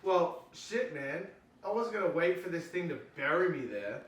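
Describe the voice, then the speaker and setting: A man's voice: fairly high pitch, lively intonation, moderate pace, a bit bright, distant mic. A man playing a casual, slangy guy telling a spooky tale to friends at an amateur script table read. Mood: defensive. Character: casual male storyteller spinning a spooky cemetery tale to friends. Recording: roomy, off-mic, faint noise.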